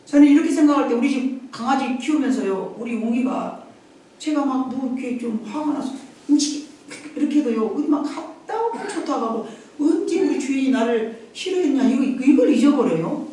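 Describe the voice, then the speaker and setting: A woman's voice: high voice, lively intonation, a little fast, warm tone. Woman preaching in an echoey church. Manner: conversational, acts out family voices, frequent laughter. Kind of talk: sermon. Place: church sanctuary. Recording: echoey church hall from far off.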